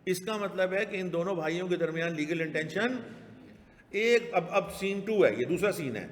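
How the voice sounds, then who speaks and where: A man's voice: high-pitched, animated. A man with a Pakistani accent lecturing a classroom on law, emphatic and repeating key phrases for students to echo. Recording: long-reverb classroom hall.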